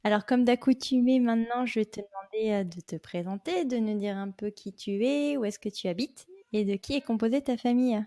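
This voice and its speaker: A woman's voice: on the high side, brisk, few pauses, mellow. A woman hosting a podcast, giving a brief scripted intro and then asking a guest questions with some hesitant fillers. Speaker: podcast host. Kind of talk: interviewing a guest.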